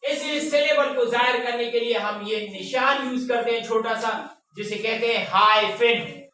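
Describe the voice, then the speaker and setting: Slow, bright-voiced man teaching in an echoey classroom. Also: extremely high pitch. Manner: stretches words out slowly syllable by syllable, quizzes the class. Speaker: English teacher. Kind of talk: classroom pronunciation lesson. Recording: very echoey room, voice from far off.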